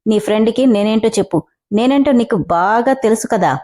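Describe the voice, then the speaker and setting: A woman's voice: a little high, warm tone, natural voice. A woman doing a cheeky, defiant young heroine. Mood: defiant mocking. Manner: cheeky, mocking, drawn-out. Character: defiant sharp-tongued young woman employee.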